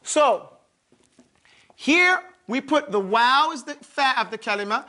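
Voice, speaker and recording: A man with a high-pitched voice leads a grammar class in a mosque. He keeps firing questions at his students and repeats each term so they drill it along with him. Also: lively intonation, slow pace, pushed and bright. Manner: quizzes students, repeats terms and drills them. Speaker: Arabic grammar teacher.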